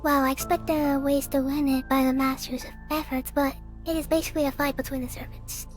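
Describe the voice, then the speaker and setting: A teenage girl plays through a visual novel in a casual let's play, reading it aloud and commenting as she goes, halting and repeating words. Her voice sits high with little pitch movement, and faint music plays behind her.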